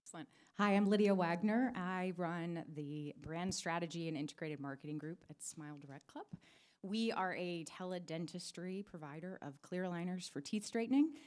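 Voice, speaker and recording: A woman's voice: on the low side, moderate pace, a little mellow, clear, resonant tone. A woman introducing herself on a conference panel as a brand strategy executive, composed and fluent. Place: conference stage with audience.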